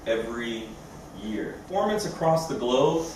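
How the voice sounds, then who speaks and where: A man's voice: medium pitch, animated, normal speed, darkish tone. A man giving an informal, explanatory live product demo as a company presenter. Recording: echoey room, distant mic, clear background noise.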